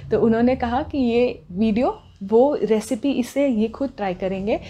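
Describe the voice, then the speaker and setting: A thirtysomething woman presents a home cooking show from her kitchen indoors, speaking unhurriedly in a fairly high yet dark-toned voice. She's supportive and casual, steering along with guiding questions, while a little background noise can be heard.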